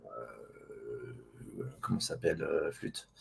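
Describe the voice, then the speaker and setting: A man's voice: rumbling low, slow, gravelly, husky. A man answering casually as an interview guest, hesitant and often repeating words while he searches for the next one. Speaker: interview guest, online diet group administrator.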